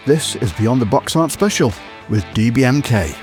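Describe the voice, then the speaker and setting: A man's voice: medium pitch, animated, moderate pace. Male host, enthusiastic, faint music bed. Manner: chatty and enthusiastic. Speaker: podcast host. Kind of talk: upbeat podcast hosting.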